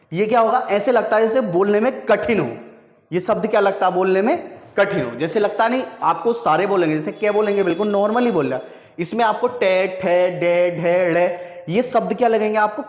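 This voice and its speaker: High-voiced man teaching in an echoey room. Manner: repeats questions to students and answers them himself. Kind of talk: classroom lesson. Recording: echoey room, dull lo-fi sound.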